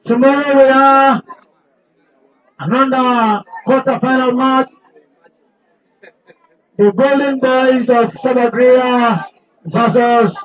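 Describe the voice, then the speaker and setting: A man with a Nigerian accent giving live commentary at a youth football match, announcing slowly and deliberately. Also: very high voice, recorded from a distance, low-quality recording.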